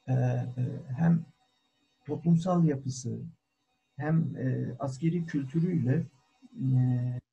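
A man who is a cultural historian giving a formal online talk, deliberate and full of hesitant fillers, heard over call audio. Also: fairly high pitch, vocal fry, warm tone, husky, dull audio. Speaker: guest lecturer, cultural historian. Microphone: video call.

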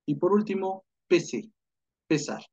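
A man's voice: sits high, expressive, measured pace, dark tone. A man teaching French verb conjugation in an online lesson, explaining patiently and asking the class rhetorical questions. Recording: dull lo-fi sound.

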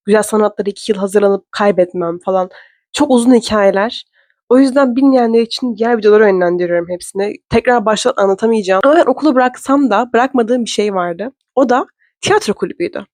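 A young woman from Turkey telling a story to camera in a chatty, fast, self-mocking way. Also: medium pitch, darkish tone, no room sound. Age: young adult. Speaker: vlogger. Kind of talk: casual storytelling vlog. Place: indoor room.

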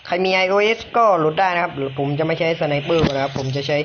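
A man's voice: on the high side, fast, noisy background. A young man casually commentating a shooter game as he plays, chatty and swearing freely, yelping during firefights. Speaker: gaming YouTuber. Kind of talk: casual let's-play commentary. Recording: dull lo-fi sound with loud game music. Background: loud game music.

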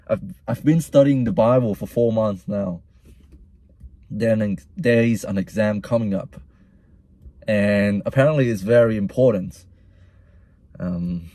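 A young man from Vietnam with an accent that mixes Vietnamese and Australian sounds. His voice sits fairly low, mellow and a little husky. He thinks out loud in a casual vlog, rambling and circling back over the same words. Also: dry recording. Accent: Vietnamese-Australian mix. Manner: soul-searching, rambling, repeats himself. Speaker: vlogger. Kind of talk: casual personal monologue.

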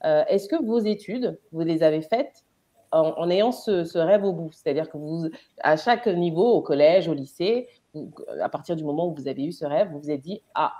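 A woman hosting an interview over a video call, asking long, measured questions and recapping her guests' answers. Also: sits low, warm tone. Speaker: interviewer and host.

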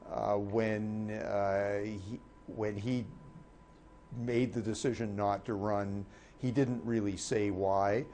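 Background noise, man in his sixties, low dark voice, halting political commentary. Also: steady tone. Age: 60s. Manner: halting, repeats words, measured. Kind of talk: unscripted broadcast analysis.

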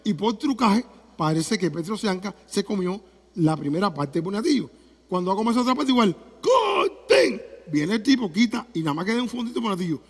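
A man with a Cuban accent doing a stand-up comedy monologue, telling the story with animated cries and sound effects. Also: sits high, fast, slightly rough, big-room sound.

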